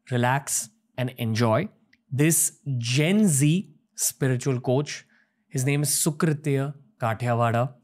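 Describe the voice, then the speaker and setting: A young man from India hosts a podcast from a studio set. He talks earnestly into a desk mic, steady and measured, and trails off quietly at the end of his phrases. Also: medium pitch. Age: young adult. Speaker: podcast host. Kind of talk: podcast interview and intro monologue. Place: studio set with shelves, indoors. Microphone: desk-mounted podcast mic.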